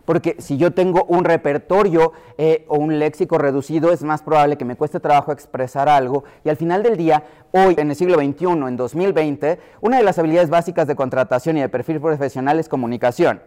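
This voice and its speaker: A man's voice: on the high side, a little fast, hardly any pauses, dark tone. A middle-aged man with a Mexico City Spanish accent giving an explanatory lecture to pediatricians, often acting out voices he quotes.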